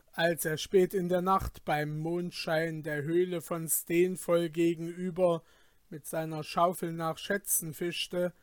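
Brief: male audiobook narrator, high voice, unhurried dramatic telling, dry booth sound. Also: dry recording. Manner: measured, dramatic storytelling.

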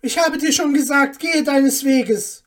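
A woman voicing an angry, frightened market mother who scolds and shouts in a read-aloud fairy tale. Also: sits high, unhurried, pitched above the performer's own voice. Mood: angry scolding. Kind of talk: storybook reading.

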